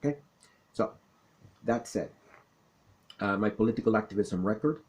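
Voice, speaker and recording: A middle-aged man from South Florida with a Florida accent, explaining things in a deliberate, didactic monologue. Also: fairly low pitch, a little mellow. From South Florida, born in the Caribbean. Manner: didactic, deliberate, checks in with "okay?". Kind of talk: explanatory monologue, political talk and recollection.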